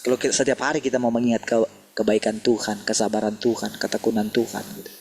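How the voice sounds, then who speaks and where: A man's voice: lowish voice, little pitch movement, fast talker, vocal fry, a little mellow, slight background noise. A man preaching a sermon, calling his listeners "saudara" and asking many rhetorical questions.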